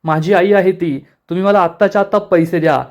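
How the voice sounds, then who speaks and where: A man's voice: high voice, steady tone, a little fast. A desperate middle-aged branch manager begs for money, read by a recap narrator. His lines are urgent and pleading. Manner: pleading, tearful.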